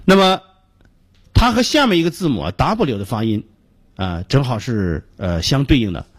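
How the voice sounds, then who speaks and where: A man teaching English pronunciation on a radio lesson, explaining patiently step by step and repeating sounds slowly to demonstrate them. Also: medium pitch, sing-song, husky, dry recording.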